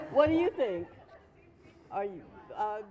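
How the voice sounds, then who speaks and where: A woman's voice: medium pitch, sing-song, takes it slowly, a little mellow. A woman from New York moderating a fan convention panel in a loose, chatty way with lots of fillers. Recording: echoey convention hall.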